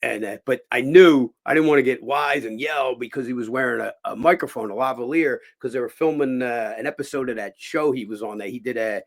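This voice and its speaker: A man, hosting a show and telling rough, profane stories in a casual, animated way. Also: medium pitch, fairly quick, hardly any pauses. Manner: animated, profane, acts out quotes. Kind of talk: casual storytelling.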